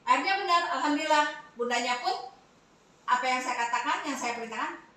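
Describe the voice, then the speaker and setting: A woman's voice: high-pitched, lively intonation, a little fast, pushed and bright. A woman teacher, telling a classroom story at a workshop in a hesitant way, with many fillers. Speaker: first-grade teacher. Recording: echoey room from far off.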